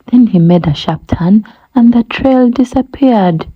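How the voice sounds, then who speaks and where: A woman reading a rhyming children's book aloud, gentle and rhythmic, often dropping to a breathy whisper. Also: fairly high pitch, measured pace, muffled recording. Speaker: storybook reader.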